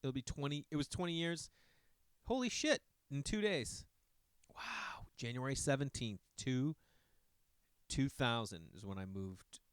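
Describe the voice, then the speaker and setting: A man's voice: medium pitch, expressive, a little slow, clear, resonant tone, no echo, studio quality. A middle-aged man from Massachusetts hosting a podcast, rambling casually with profane asides to his listeners. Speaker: podcast host. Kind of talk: casual monologue.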